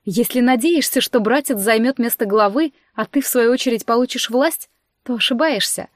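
A woman reading the part of a scheming young female necromancer with a mocking, sharp-tongued manner. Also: on the high side, normal speed, no room sound, lightly acted.

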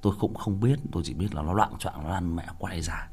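A man's voice: deep voice, a little fast, darkish tone, slightly rough. A man telling a childhood story in a crude, colloquial way. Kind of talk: casual storytelling.

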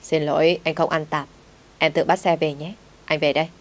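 A woman's voice: deep voice, little pitch movement, normal speed, close to an everyday voice. Woman voicing a cool dismissive young man. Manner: teasing, curt.

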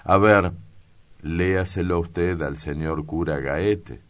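A man's voice: extremely low pitch, expressive, measured pace, darkish tone, exaggerated voice. A man voicing a stern male official who gives orders and reasons with a commanding tone.

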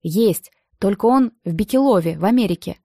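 A woman voicing a chatty, pushy young male student who confides gossip in a hushed tone, in an audiobook. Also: mid-range voice, expressive, normal speed, slightly rough, no room sound, clean studio sound. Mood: hushed warning.

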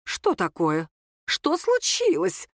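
A woman voicing an older mother-in-law who talks in a high, breaking, soft and ingratiating voice. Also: wildly swooping pitch, slow pace, dry recording, studio quality, heavily acted. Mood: alarmed.

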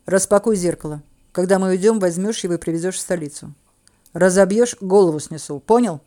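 A woman's voice: fairly low pitch, steady tone, normal speed, warm tone, natural voice. A woman voicing a curt, commanding elf lord. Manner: curt, authoritative orders. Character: commanding male elf lord, cool and mocking.

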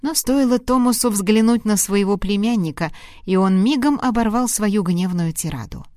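Lady reading a novel out loud, dramatic, dry no-echo sound. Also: mid-range voice, normal speed. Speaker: audiobook narrator. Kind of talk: expressive first-person novel reading.

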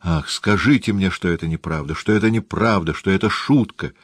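A man's voice: sits low, a little fast, husky, no room sound. A man voicing a distraught Jesuit priest in an audiobook, speaking with a trembling, pleading voice. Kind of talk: audiobook character reading.

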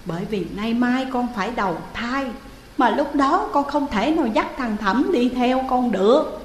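A woman's voice: mid-range voice, reverberant, long reverb tail, slight background noise, natural voice. A woman voicing a grieving older village mother who speaks in a tearful, imploring way.

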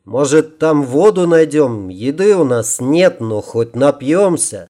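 A man's voice: a little high, expressive, slow, warm tone. A man voicing a practical, determined young man who leads a weary group with a commanding manner, in a storybook reading. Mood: planning.

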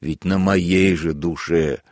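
A man voicing a cruel army lieutenant who speaks with syrupy, sanctimonious mock kindness and shouts gleefully at a flogging. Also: deep voice, steady tone, takes it slowly, no echo, clean studio sound, pitched below the performer's own voice. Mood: mock-gentle. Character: sadistic mock-kindly male army lieutenant.

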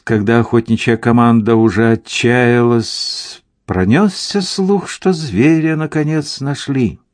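Lively male storyteller. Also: mid-range voice, no echo, clean studio sound. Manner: expressive storytelling, voicing each character. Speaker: audiobook narrator. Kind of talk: scripted narration.

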